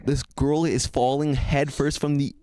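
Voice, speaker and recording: A man's voice: medium pitch, little pitch movement, measured pace, warm tone, no room sound. A young man co-hosting a podcast, trading teasing jokes and telling stories in casual chat. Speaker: podcast co-host.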